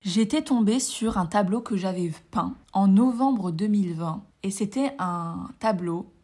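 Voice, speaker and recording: A woman's voice: medium pitch, unhurried, a little mellow, faint music behind. A woman from France hosting a casual personal podcast, chatting enthusiastically and speaking straight to her listeners. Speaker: podcast host and coach.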